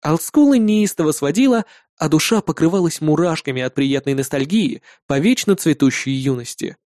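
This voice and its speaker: A man reads an audiobook with wry, lively storytelling. His fairly high voice rises and falls a great deal yet stays mellow and dark. The recording is close and dry. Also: moderate pace, dry recording. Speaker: narrator. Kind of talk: audiobook narration.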